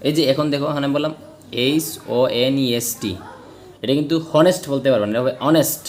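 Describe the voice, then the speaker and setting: A man's voice: medium pitch, fast. A man teaching English grammar, explaining step by step and answering his own questions. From Bangladesh. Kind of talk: spoken grammar lesson.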